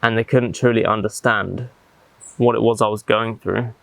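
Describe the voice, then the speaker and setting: A man speaking reflectively and haltingly, with deliberate pauses, as he vlogs outdoors in the jungle. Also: on the low side, steady tone, gravelly, a bit bright, dry recording. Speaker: vlogger. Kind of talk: reflective talk to camera.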